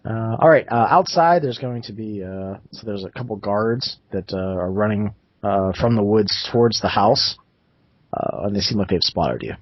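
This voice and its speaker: A man narrating as game master in a halting way, with many fillers, recorded on dull, dry lo-fi sound. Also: fairly low pitch, lively intonation, dry recording.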